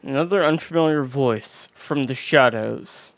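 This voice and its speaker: A man reading video game story narration aloud in a measured, deliberate way. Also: medium pitch, no echo. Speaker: co-player and narrator.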